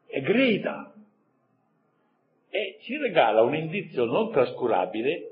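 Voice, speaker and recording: A man with a medium-pitched voice gives a conversational catechism lesson, tossing in rhetorical asides and chuckling now and then. The sound is lo-fi.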